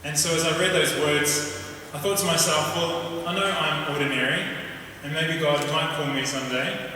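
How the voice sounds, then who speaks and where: A man with a broad New Zealand accent tells his personal story to a gathering. His voice is bright and forceful, and he speaks informally and a little haltingly. He is heard at a distance from the mic in a long, reverberant hall. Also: fairly high pitch, fairly even intonation. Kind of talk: personal testimony talk to a gathering. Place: large reverberant indoor venue. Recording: echoey hall, distant mic, faint noise.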